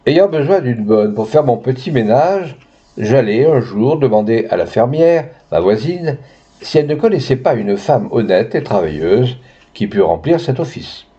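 A man reading a literary tale aloud in a measured, expressive way. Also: medium pitch, husky. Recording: dull lo-fi recording.

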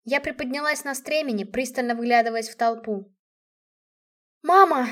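A woman reads a first-person story aloud with lively expression. Her voice sits fairly high. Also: a little fast. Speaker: audiobook narrator.

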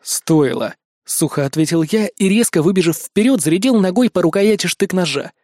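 A man narrating a story in a lively, expressive first-person audiobook reading. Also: high-pitched, brisk, no room sound, clean studio sound.

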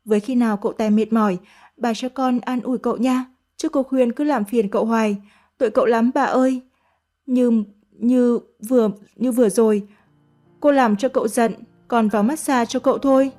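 A woman voicing a flattering teenage maid. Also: a little high, moderate pace, faint music behind, natural voice. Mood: pleading. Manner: coaxing, sugary flattery. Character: fawning teenage servant girl, sweet-talking.

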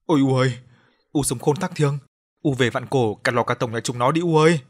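A defiant young village woman wails and quarrels with a sharp tongue, as a male narrator puts her on. The voice is pitched only a little above his own, so she still sounds like a man reading her. It is a loud, keening audiobook character part. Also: fairly quick, slightly rough, close to an everyday voice. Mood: wailing.

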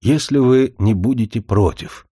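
An earnest, lovestruck young man pleads his case in a higher, lively voice, as a man performs him in a story. The tone is warm and mellow. The recording is close and dry. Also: normal speed, no echo. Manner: eager, pleading, raised voice.

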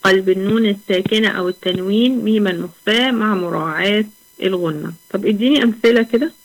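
Young Egyptian woman in her own voice, a patient recitation teacher who quizzes and then explains, mid-pitched. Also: low-quality recording. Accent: Egyptian Arabic. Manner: patient, asks questions then answers them, drawls example words slowly. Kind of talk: online tajweed lesson.

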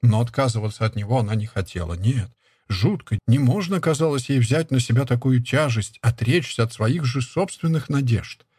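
Male literary narrator, husky, mid pitch, steady and measured. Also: no echo, studio quality.

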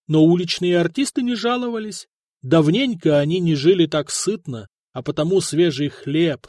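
A man narrates a historical novel in a measured, even storytelling voice. His pitch sits slightly above typical for a man. The recording is dry and close, without room sound. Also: dry recording. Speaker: audiobook narrator. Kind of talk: scripted narration.

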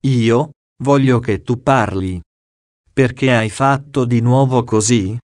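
A pious noblewoman questioning a ghost, as a man reading a diary aloud puts her on. She asks earnest, persistent questions at a very slow, measured pace, in a dry, close sound. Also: mid-range voice, darkish tone, no room sound, lightly acted.

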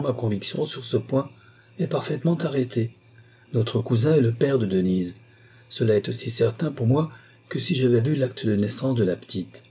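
A man's voice: medium pitch, vocal fry, warm tone, breathy edge. A man voicing a middle-aged mother who presses her son with insistent, persuasive arguments.

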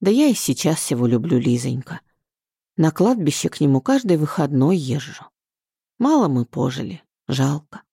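A caring elderly aunt in an audiobook, talking low and fondly, as a woman reads her. The voice is mellow and dry, with plenty of lilt in the lines. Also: big pitch swings, moderate pace, creaky, slightly rough, no room sound, full character voice. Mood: tender. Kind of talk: audiobook character voice.

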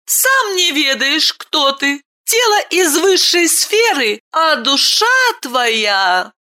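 Woman as grave boy judge of the dead in a storybook; high, slow, bright. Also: sing-song, heavily acted. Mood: solemn.

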